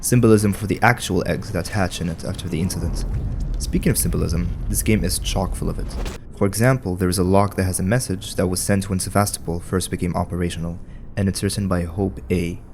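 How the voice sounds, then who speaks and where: A man with a very low voice narrates a scripted video essay. His delivery is conversational and wry, with dry asides. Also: steady tone, a little fast, darkish tone, a little hiss or hum.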